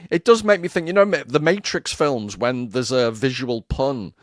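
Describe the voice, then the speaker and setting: A man's voice: medium pitch, moderate pace, no echo. Playful man, dry close mic. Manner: playful, self-mocking, laughs often. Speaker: podcast co-host. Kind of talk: casual conversation.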